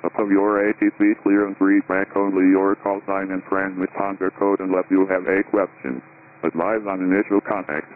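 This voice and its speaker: Low-voiced man reading an airport weather broadcast. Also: moderate pace. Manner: steady, clipped radio readout of numbers and notices. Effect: airport weather broadcast over radio. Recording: tinny radio band with faint hiss.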